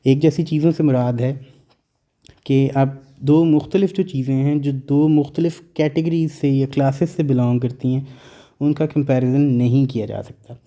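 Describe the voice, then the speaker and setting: A man teaching a grammar lesson, speaking slowly and explaining each rule, mixing English terms into Hindi-Urdu talk. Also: mid-range voice, warm tone.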